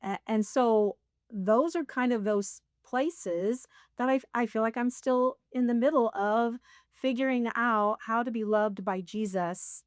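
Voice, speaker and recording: As a guest in a relaxed chat, a sixty-something woman rambles through her faith story, frequently laughing at her own expense. Her voice leans high with a clean tone and measured pace, captured in clean studio sound without echo.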